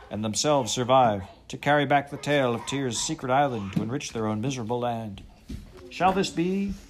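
Man doing a defiant sea captain, loud, rousing, declamatory, raised pitch. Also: close to an everyday voice.

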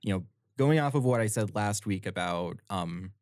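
A man's voice: fairly low pitch, animated, normal speed, darkish tone, dry recording, clean studio sound. A young American man co-hosting a podcast, talking earnestly about politics and often stumbling over repeated words. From United States. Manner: earnest, repeats words when starting thoughts. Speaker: podcast co-host. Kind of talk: casual political discussion.

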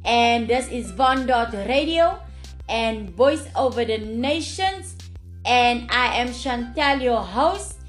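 Woman, religious radio host, unhurried, affirming, repeated phrases, echoey, faint music behind. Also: on the high side, animated.

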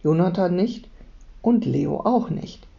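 A woman teacher calmly reading a children's book aloud to her class. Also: on the low side, slow pace, creaky. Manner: calm, steady storytelling. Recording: dull lo-fi recording.

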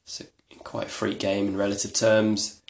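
Male podcast host, low gravelly voice, flat delivery, rambling and self-deprecating, echoey room. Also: normal speed. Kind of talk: casual solo podcast talk.

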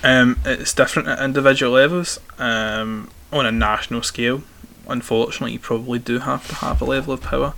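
Fairly quick and barely pausing, a young man with a strong Glaswegian accent gives chatty, conversational answers in an interview, often restarting his phrases. His medium-pitched voice is steady, creaky, pushed and bright, with a little hiss or hum on the recording.

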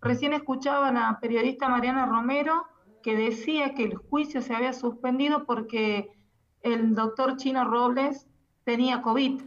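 A woman's voice: fairly high pitch, fairly even intonation, normal speed. A woman calling in to a radio interview on a phone held away from her mouth, firmly and insistently rebutting claims. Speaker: interview guest, sister of the accused. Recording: distant muffled phone line.

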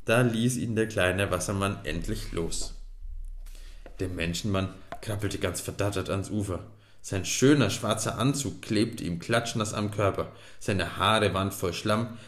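A man narrating a children's storybook in a lively, expressive way, in an echoey room. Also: deep voice. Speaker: audiobook narrator.

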